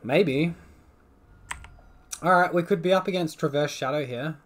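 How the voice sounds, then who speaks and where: Thinking aloud over every play, a young man casually commentates his own card game, alternating groans with bursts of relieved excitement. His voice leans high and his delivery is unhurried.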